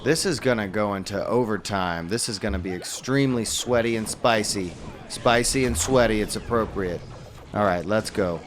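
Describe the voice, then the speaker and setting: A man commentating a mobile game tournament match play by play, upbeat and quick to exclaim at good plays. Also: lowish voice, a little hiss or hum.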